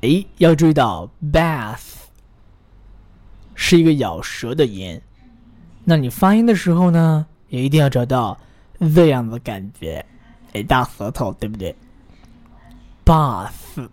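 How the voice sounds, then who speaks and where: A man's voice: mid-range voice, sing-song, a little mellow. Encouraging male English teacher. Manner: models phrases slowly, then pauses for the listener to repeat; encouraging, praises the learner often. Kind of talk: English pronunciation drill lesson.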